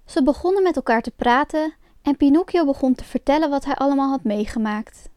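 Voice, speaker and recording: A woman reads a children's storybook aloud in a gentle, expressive way. Her voice is fairly high and mellow, recorded dry and close. Soft music plays faintly underneath. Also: a little fast, no room sound. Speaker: narrator. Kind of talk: scripted storybook narration.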